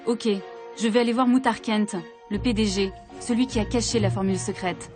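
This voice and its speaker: A woman's voice: medium pitch, fairly even intonation, a little fast. A woman journalist narrating a documentary voice-over in an earnest, searching way. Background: background music.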